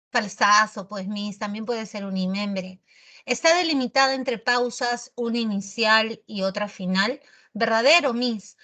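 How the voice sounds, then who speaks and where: A woman teaching an online grammar class in a lively, teasing, slangy way. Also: a little high.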